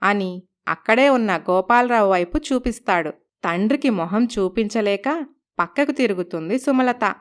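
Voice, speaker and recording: A woman narrating a cartoon moral story in a steady, scripted storytelling manner. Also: medium pitch, normal speed.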